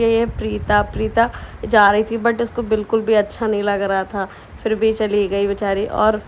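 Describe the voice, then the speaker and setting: A young woman from Bihar chatting casually to her viewers in a daily vlog, teasing and talking directly to them. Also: medium pitch. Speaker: vlogger. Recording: faint background noise.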